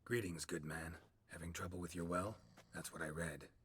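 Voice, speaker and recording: An actor playing a terse, gruff male monster hunter in a video game, speaking curtly in a low, gravelly, half-whispered voice. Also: fairly even intonation, normal speed, fairly bright tone, slight background noise. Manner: curt, matter-of-fact questions.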